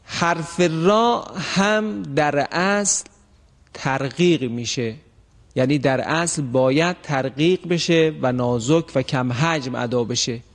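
A man teaching a recitation lesson, explaining the rules and repeating example words slowly and drawn out. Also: a little high, in a large hall.

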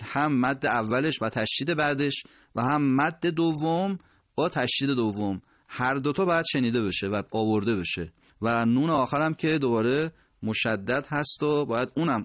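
A man's voice: mid-range voice, a bit bright, no echo. Man teaching recitation, dry close sound. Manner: slow, drawn-out demonstration of words. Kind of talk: tajwid lesson explaining pronunciation.

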